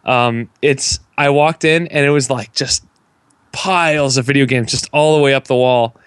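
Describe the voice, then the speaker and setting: Young guy hosting a game podcast, smooth voice, super dry close sound, rambles a lot. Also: mid-range voice, fairly even intonation, normal speed, a bit bright, no echo. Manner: rambling, self-deprecating, lots of fillers. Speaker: podcast host. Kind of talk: casual podcast chat.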